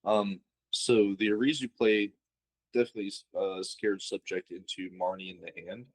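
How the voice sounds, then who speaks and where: A man's voice: on the low side, level tone, normal speed, rough recording. A man commentating on a card game match, thinking aloud and asking analytical questions about the plays.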